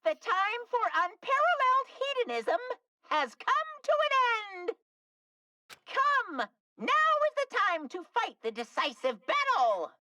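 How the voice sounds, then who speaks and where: A woman's voice: extremely high pitch, bright, forceful tone, no room sound, exaggerated voice. A woman voicing a gleefully sinister mascot villain, making theatrical, gloating announcements in a cartoonish anime game dub.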